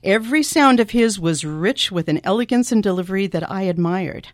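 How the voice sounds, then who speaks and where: A woman's voice: mid-range voice, animated, brisk, no room sound, studio quality. A woman hosting an interview show who also teaches singing, speaking with enthusiasm and addressing her listeners directly.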